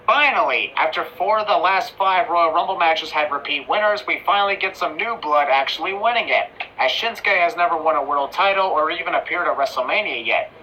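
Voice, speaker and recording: A man's voice: a little high, fairly quick, few pauses, poor audio. Sarcastic male commentary narrator. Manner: sarcastic, critical. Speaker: video narrator. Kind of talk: scripted commentary voice-over. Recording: voice-over with steady background noise.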